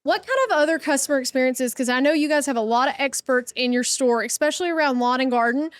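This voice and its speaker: A woman's voice: sits high, fast, smooth, dry recording. A woman with a Southern accent from Georgia, hosting a podcast interview in a chatty, anecdotal way. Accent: Georgia Southern American. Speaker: podcast host.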